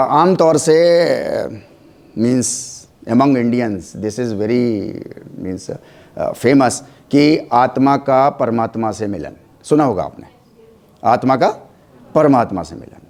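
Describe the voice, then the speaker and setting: A man's voice: medium pitch, darkish tone. A man giving a yoga lecture to students. He switches between Hindi and English, often checks in with "right?", and has the class repeat words aloud after him. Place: lecture hall.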